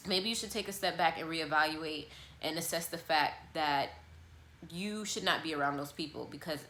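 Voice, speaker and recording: Young woman, blunt candid monologue, bright forceful voice, roomy echo. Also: low-pitched, moderate pace, a little hiss or hum. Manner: blunt, emphatic, repetitive, swears casually. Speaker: vlogger. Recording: echoey room.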